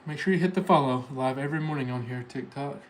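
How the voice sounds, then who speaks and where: A man's voice: mid-range voice, quick pace, slight background noise, poor audio. A man with a Tennessee accent chatting casually and informally to viewers as the host of a livestream. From Tennessee, United States. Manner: informal, talking directly to chat viewers. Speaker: livestream host, day trader.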